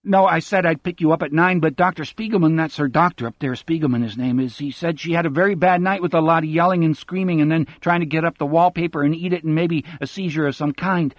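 A man voicing a distraught middle-aged husband who rambles on without pause in a raised, hurried, trembling voice. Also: no room sound, close to an everyday voice. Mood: rambling. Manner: rambling run-on speech, higher and faster, trembling. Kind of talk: audiobook character voice.

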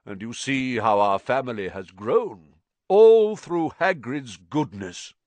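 A man voicing an ancient male giant spider, croaking and grave, speaking slowly in a storybook reading. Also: mid-range voice, expressive, a little mellow, no echo, voice pushed up. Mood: fretful. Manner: slow, grave pronouncements.

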